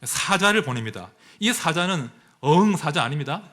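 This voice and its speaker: A male pastor preaching a sermon, animated and full of rhetorical questions to the congregation. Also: on the high side, normal speed.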